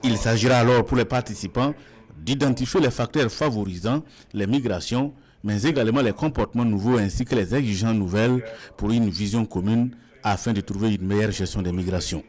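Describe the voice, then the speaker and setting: A man narrating a scripted TV news report in a steady, formal tone. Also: lowish voice, fairly quick.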